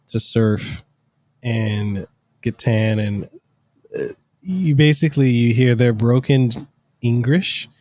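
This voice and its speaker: A podcast co-host talks casually, rambling through long explanations full of fillers, using a studio mic on an arm with headphones at home. His mid-range voice has a darkish tone, and the recording is dry.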